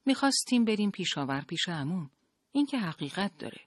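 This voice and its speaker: A woman's voice: fairly low pitch, very animated, no room sound, voice pushed up. An audiobook narrator voicing a young woman under police questioning, answering sharply and pleading, in a dry recording. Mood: tense, defiant. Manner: defiant, then pleading. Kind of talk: audiobook character voice.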